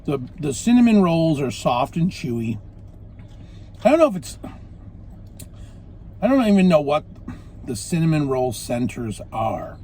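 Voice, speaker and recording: A man's voice: on the high side, big pitch swings, a little slow, long pauses, dark tone, a little hiss or hum. A man hosting a casual food review, chatting while he eats. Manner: chatty, talks with mouth full.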